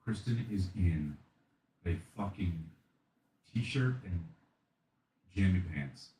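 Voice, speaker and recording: A man in his thirties telling a comic story in casual, animated and profane style, often acting out voices. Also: low-pitched, slow. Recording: echoey room, distant mic, faint noise.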